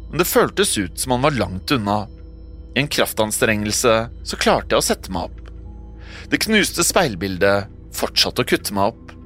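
Expressive man narrating a horror story. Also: fairly low pitch. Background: soft music.

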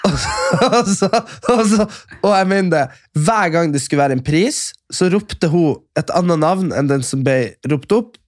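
A man co-hosting a podcast, telling a story in an excitable, giggly way with lots of fillers, on a close mic. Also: on the high side, hardly any pauses, dry recording. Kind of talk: casual storytelling chat.

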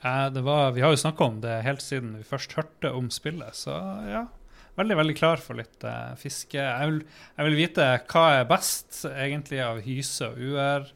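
A man's voice: medium pitch, creaky, a bit bright. A man with a Northern Norwegian accent chatting casually as a podcast co-host. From Northern Norway. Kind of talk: casual chat.

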